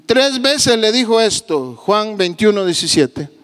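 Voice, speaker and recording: Slow, high-voiced Guatemalan pastor preaching. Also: male voice, sing-song, a bit bright, long reverb tail. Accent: Guatemalan Spanish. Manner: emphatic preaching, swings from low confiding tones to raised exclamations; acts out quoted voices of the people he tells about. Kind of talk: sermon.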